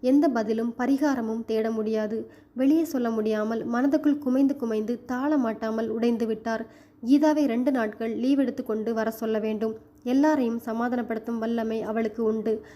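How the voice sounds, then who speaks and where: Storyteller, woman, steady measured narration, mellow and slightly high.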